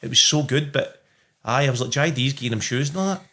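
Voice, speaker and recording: A middle-aged man speaks in a broad Glasgow street accent, spinning casual anecdotes. His mid-pitched voice is animated and sweary, and he re-enacts both sides of conversations as he goes. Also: fast talker.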